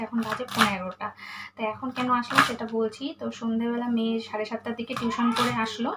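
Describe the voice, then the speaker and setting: A woman in her thirties speaking in a hushed voice in her kitchen at night, chatting to her vlog viewers. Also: on the high side, very noisy. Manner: speaks quietly so as not to wake her husband. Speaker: vlogger. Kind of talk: casual hushed vlog talk. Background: dishes and cutlery clinking.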